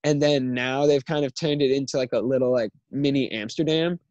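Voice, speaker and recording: Young male guest, mid-pitched voice, dry sound, rambles and leans on filler words. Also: fairly even intonation, brisk, a little mellow, dry recording, dull audio. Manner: rambling, heavy use of filler "like". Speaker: podcast guest. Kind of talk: casual podcast chat.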